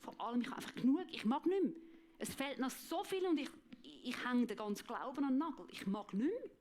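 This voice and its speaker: A woman with a Swiss German accent giving an emotional, halting faith testimony, often repeating words. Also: sits high, animated, a little mellow. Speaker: guest speaker.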